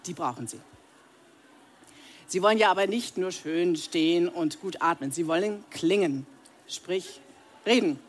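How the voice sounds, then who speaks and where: Lively woman voice coach leading a workshop. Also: fairly low pitch, a little slow, long pauses. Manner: lively, direct, demonstrates sounds and leads exercises. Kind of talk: live voice training workshop. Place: seminar room with audience.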